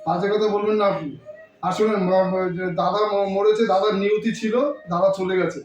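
A man's voice: sits high, steady tone, a little fast, lightly acted. A young actor playing a younger brother taking charge of his grieving family, urgent and soothing, recorded far off in an echoey room with faint noise. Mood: firm.

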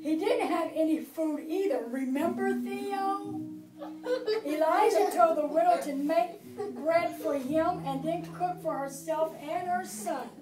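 With a very high-pitched, unhurried voice, a middle-aged woman reads a Bible story to preschool children in a church classroom, asking them to join in. The distant camera mic captures an echoey room.

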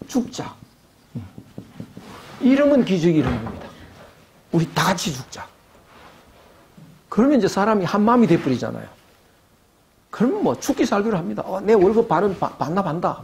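A man's voice: high voice, very animated, moderate pace, long pauses, darkish tone, slight background noise. An older man giving an academic lecture, asking rhetorical questions and acting out quoted voices.

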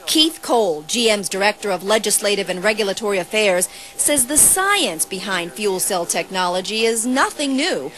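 A woman TV reporter reading a scripted news feature voice-over in a polished, even delivery. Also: medium pitch, moderate pace, hardly any pauses. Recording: voice-over with music bed.

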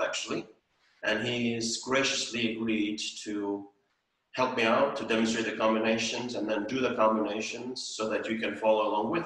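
Leading a ballet lesson from his home, an older man from Estonia counts and sings out the rhythm. His voice sits lowish with a slightly bright edge. The sound comes from a far-off camera in a tiled, echoing room.

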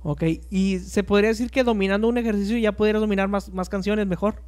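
A man with a Mexican accent hosting a casual podcast, asking quick, joking questions in slang. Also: high voice, little pitch movement, a little mellow. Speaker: podcast host.

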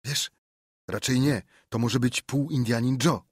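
A man voicing a scared, superstitious young boy in an audiobook, talking in a hushed, fearful whisper. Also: medium pitch, a little slow, husky, no room sound, clean studio sound.

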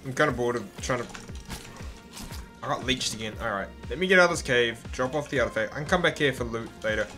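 Hyped, bright-voiced gamer bro with music behind. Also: male voice, medium pitch, lively intonation, fast. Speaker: gaming video host. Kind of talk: excitable gameplay commentary.

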